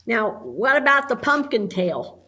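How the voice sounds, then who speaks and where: A woman's voice: fairly high pitch, big pitch swings, unhurried, pushed and bright, exaggerated voice. A woman voicing an eager, polite male cook in a storybook read-aloud, earnest and apologetic.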